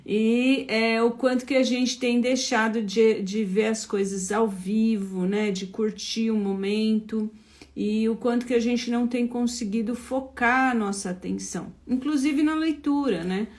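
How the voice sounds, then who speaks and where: Slow-talking therapist host from São Paulo. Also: female voice, a little high, fairly even intonation, darkish tone. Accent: São Paulo Portuguese. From Brazil. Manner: greets viewers by name, chatty and unhurried. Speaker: therapist hosting a live stream. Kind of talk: casual live-stream talk.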